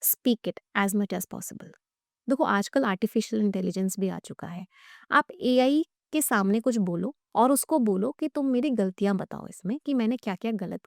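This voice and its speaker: A woman English teacher speaks in a podcast interview, laying out her advice step by step and spelling hard words out letter by letter. Her voice sits a little high. The recording is close and dry, with no room sound. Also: dry recording.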